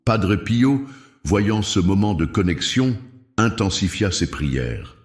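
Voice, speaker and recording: A man tells a suspenseful story in a slow, dramatic manner. His voice is very deep, and the recording has a roomy echo. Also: very animated. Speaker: narrator. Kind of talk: dramatic scripted narration.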